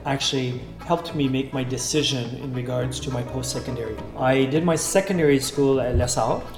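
A French-speaking Canadian man from Southwestern Ontario, his voice mid-range, calmly recounts his upbringing as an interview guest. His reflective, conversational storytelling is measured and thoughtful, with occasional hesitations and restarts. The room is echoey, with faint guitar music behind him.

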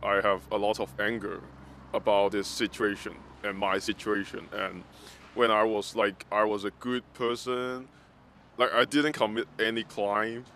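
A man speaks through a disguised, artificially deepened voice. He talks low and haltingly, restarting and reaching for words as he gives interview testimony. Faint noise sits under the altered voice. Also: little pitch movement, fairly bright tone. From Hong Kong. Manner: halting, searching for words, many restarts and "like" fillers. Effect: voice disguised, pitch-shifted deeper. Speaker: pro-democracy organizer.

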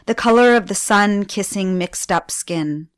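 A woman guest performing spoken-word poetry on radio, with slow, deliberate delivery and dramatic pauses. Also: medium pitch, no room sound, studio quality. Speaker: guest poet.

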